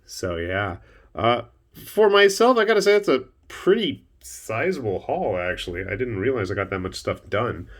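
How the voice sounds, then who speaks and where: Man, lowish voice, chatty, wry, casual show-and-tell host. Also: big pitch swings, normal speed. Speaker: miniature painting channel host.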